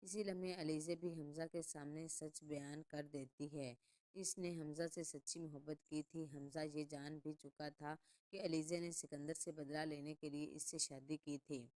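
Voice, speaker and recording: Lady w a deep low voice hyping up a drama recap, all suspense. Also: fairly even intonation, a little mellow. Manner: dramatic, suspense-building storytelling. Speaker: channel narrator. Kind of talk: scripted drama-recap narration.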